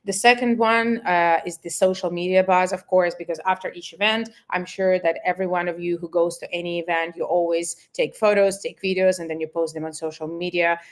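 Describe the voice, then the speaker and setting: Woman, lowish voice, earnest webinar talk, many fillers. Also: steady tone, fairly quick, hardly any pauses. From Russia. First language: Russian. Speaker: events marketer presenting. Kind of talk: webinar presentation.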